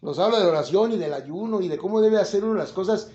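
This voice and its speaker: A man with a Mexican accent preaches in a high voice, chatting and joking with his listeners. His voice bounces around an echoey room. The sound is a little dull. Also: quick pace, mellow. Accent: Mexican Spanish. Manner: chatty, jokes, asks the listeners questions. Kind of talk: informal Bible teaching to a congregation.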